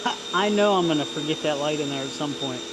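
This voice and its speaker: A man's voice: fairly high pitch, fast. A man giving a casual hands-on demonstration in a workshop, with a machine running noisily behind him. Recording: loud machine noise behind the voice. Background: machine running, steady mechanical noise.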